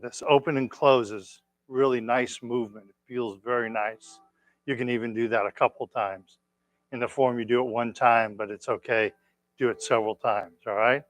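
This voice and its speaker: A man teaching a tai chi class, giving gentle, unhurried step-by-step cues with encouragement. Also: medium pitch, no echo. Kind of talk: instructing a class through movements, step by step.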